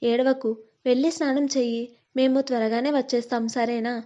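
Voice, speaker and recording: A woman's voice: fairly high pitch, steady tone, moderate pace, mellow, muffled recording, lightly acted. A woman voicing a caring middle-aged mother giving earnest advice to her daughter, in a storybook reading. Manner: earnest, instructive.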